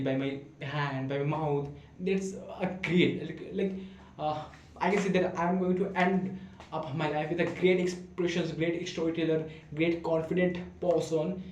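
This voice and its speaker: A man's voice: a little high, a little mellow, reverberant, slight background noise. A man, not a native English speaker, recording himself at home and talking to the camera, hesitant, with many fillers and restarts. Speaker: vlogger practicing speaking. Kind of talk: casual self-recorded monologue. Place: room at home. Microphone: camera in front of him.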